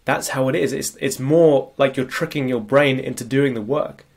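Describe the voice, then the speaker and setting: With a gravelly mid-range voice and a moderate pace, a sniffly man with a cold delivers a productivity lecture over shared slides. The productivity coach keeps it conversational, often asking "right?"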